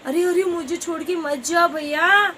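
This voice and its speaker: A woman voicing a curious, timid little raindrop boy in a children's story, with a high childlike pleading voice. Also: measured pace, sharp tone, a little hiss or hum, heavily acted. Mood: eager.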